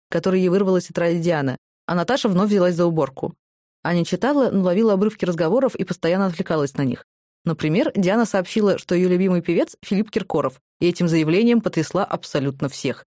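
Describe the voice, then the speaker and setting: A woman reading scripted audiobook narration in an even storytelling way. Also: lowish voice, dry recording, studio quality.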